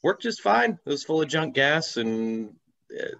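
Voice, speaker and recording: A gravelly, fairly bright voice with fairly high pitch and a sing-song lilt belongs to a car enthusiast and YouTuber guesting on a video call. He speaks a little slowly, telling rambling, self-deprecating stories over slightly dull call audio.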